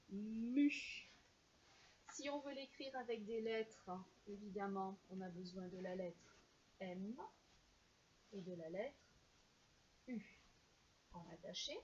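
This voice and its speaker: A woman teacher giving a slow, clear reading lesson to young children and carefully sounding out each syllable. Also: medium pitch, a little mellow, highs cut off, slight background noise.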